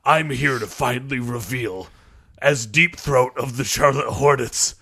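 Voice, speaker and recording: A man's voice: mid-range voice, measured pace, sharp tone, breathy edge, full character voice. A man playing an anonymous pro basketball player with a voice changer, bluntly dishing gossip.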